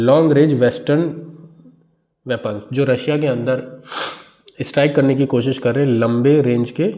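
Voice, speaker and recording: A man teaching English from a newspaper, reading each English phrase slowly with an Indian accent and then explaining it word by word in Hindi. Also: mid-range voice, mellow.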